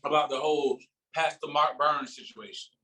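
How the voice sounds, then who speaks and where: A man's voice: fairly high pitch, moderate pace, sharp tone, distant mic, low-quality recording. A man co-hosting a casual podcast, raising topics and retelling moments with animation. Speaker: podcast co-host.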